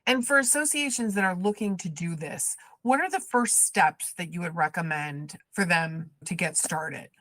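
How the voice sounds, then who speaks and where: A woman's voice: fairly low pitch, moderate pace, a bit bright, dry recording. A woman co-hosting a podcast, asking questions in an upbeat, encouraging way. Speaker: podcast co-host. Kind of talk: podcast interview.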